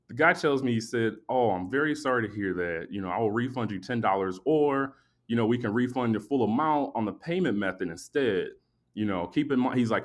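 A sleepy man hosting a podcast, telling a long story in a casual, animated, profane way and acting out both sides of the exchange. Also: fairly low pitch. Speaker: podcast host.

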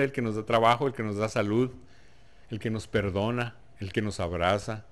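A male preacher, talking to his congregation in a relaxed, chatty way. He keeps asking rhetorical questions and slips jokes in among the teaching. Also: mid-range voice. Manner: conversational, asks the listeners rhetorical questions; jokes with the audience. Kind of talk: sermon.

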